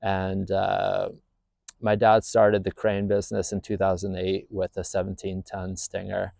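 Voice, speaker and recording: A man in his thirties from Northern Ireland tells his story as a business owner straight to camera, plain-spoken and full of fillers. His voice is low, monotone and a little slow, with a creaky, darkish tone and no echo.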